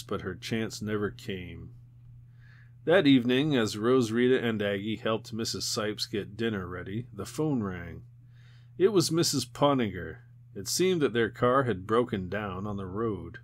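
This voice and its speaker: Low-voiced man narrating an audiobook. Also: animated, a little slow. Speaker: audiobook reader.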